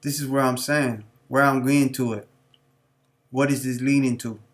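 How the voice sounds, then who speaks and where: The audio is very noisy as a man with a medium-pitched voice and flat delivery hosts a live stream at a normal speed. He talks off the cuff in an unscripted monologue, preaching, repeating himself and using street talk.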